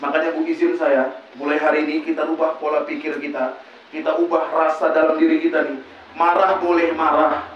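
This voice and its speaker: A preacher giving a lively village sermon in a prayer house, asking rhetorical questions and answering them himself. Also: male voice, on the high side, brisk, a little hiss or hum. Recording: very echoey room, distant mic, dull.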